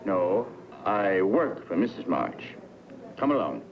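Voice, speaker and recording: An actor playing a gruff male servant who leads new maids to the house, talking in a curt, commanding way. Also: deep voice, big pitch swings, slow, noisy background, heavily acted. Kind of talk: 1960s film acting. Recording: dull old film soundtrack.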